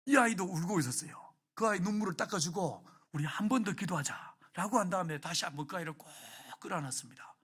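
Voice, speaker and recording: A male pastor delivers a heartfelt sermon, his voice sitting very high for a man. He tells a story with strong feeling and keeps turning to the congregation with questions. His tone is bright and forceful. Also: slightly rough. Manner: emotional storytelling that acts out prayers and asks the congregation questions.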